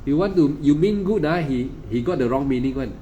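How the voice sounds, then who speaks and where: A man's voice: fairly high pitch, expressive, fairly quick, warm tone, dull audio, a little hiss or hum. A man with a Malaysian English accent giving an emphatic, repetitive dharma talk as a meditation teacher, often stammering and restarting. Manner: insistent, lecturing.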